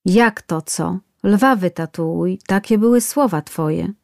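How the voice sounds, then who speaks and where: A stern, stubborn barber who answers flatly, as a woman puts him on. The voice is low and slow, recorded dry and close. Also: gravelly, no room sound. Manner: dry, matter-of-fact.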